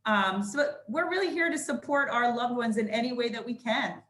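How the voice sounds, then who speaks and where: A woman's voice: a little high, moderate pace, a bit bright. A woman speaking through a face mask, giving a welcoming presentation as a sales and marketing director on a video call. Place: indoors at a senior living community, on a video call. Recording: roomy echo.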